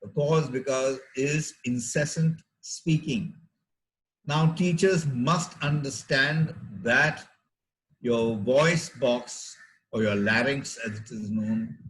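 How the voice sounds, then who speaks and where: In a low-quality recording, a medium-pitched middle-aged doctor with an Indian accent gives teachers a health talk. His delivery is deliberate and explanatory, broken by pauses between phrases.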